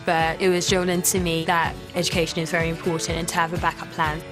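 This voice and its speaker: Low-voiced woman in her twenties from Zimbabwe. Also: monotone, fast. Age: 20s. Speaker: singing contestant. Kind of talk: reflective interview to camera. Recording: music bed under speech.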